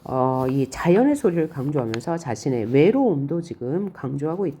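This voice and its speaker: A woman teaching a Korean literature lecture, explaining poems and reading lines aloud with lively, questioning emphasis. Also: deep voice, moderate pace, a little hiss or hum. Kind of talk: online lecture on poetry.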